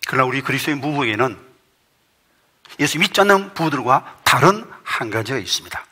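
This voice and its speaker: A middle-aged man preaching a sermon as pastor, emphatic and rising to forceful peaks. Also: mid-range voice, sing-song, breathy edge. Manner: reads a quoted testimony aloud in a measured storytelling tone.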